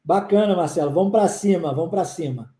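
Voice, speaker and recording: Mellow-voiced Brazilian woman teaching, roomy echo. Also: lowish voice, a little fast. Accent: Brazilian Portuguese. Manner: upbeat, repeats phrases for drilling. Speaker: English teacher. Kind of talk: live-stream lesson answering comments.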